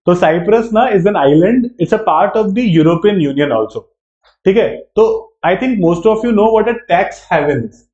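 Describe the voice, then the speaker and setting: A man with an Indian English accent and a high, slightly mellow voice teaches law entrance exam prep online, live. His style is conversational, dotted with frequent tag questions to check on students, and the audio is lo-fi and dull from an echoey room.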